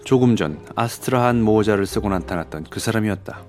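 A man's voice: lowish voice, a little fast, darkish tone. Male audiobook narrator over faint music.

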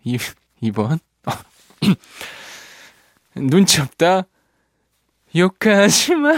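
Lively, playful male radio DJ. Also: mid-range voice, no room sound, clean studio sound. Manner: playful, laughs often, strains voice singing a line. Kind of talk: radio show chat with listener texts. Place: radio studio.

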